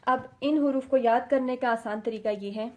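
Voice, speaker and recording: A fairly high-voiced woman with a Pakistani Urdu accent teaches a recitation lesson. She explains each point patiently and sounds out short syllables to demonstrate. English words slip into her speech now and then. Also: fairly even intonation, warm tone. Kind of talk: explanatory lesson, addressing students.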